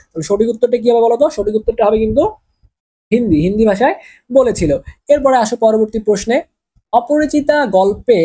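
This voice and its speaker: A woman's voice: on the high side, warm tone, slightly rough. A woman teacher with a Bangladeshi accent, working through exam quiz questions in a chatty way that keeps checking in with students. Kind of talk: exam-prep lesson solving quiz questions.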